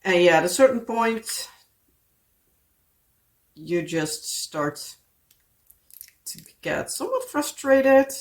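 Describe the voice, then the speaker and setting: Slow and sing-song, with frequent pauses, a medium-pitched woman vlogs about crafts in casual chat. She's a native Dutch speaker with a Dutch accent, and her rambling talk is full of "like" and "yeah."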